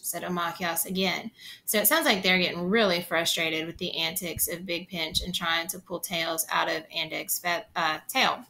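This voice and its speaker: A woman's voice: on the low side, sharp tone. A woman reading a book chapter aloud, stopping now and then to explain the story in plain, chatty words. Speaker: reader.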